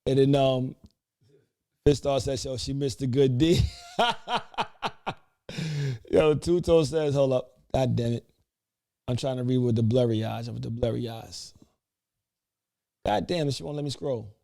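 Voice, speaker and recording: A man's voice: mid-range voice, fairly even intonation, a little slow, creaky, long pauses, mellow. A man co-hosting a live podcast, reading chat comments in loose, profane, laughing banter.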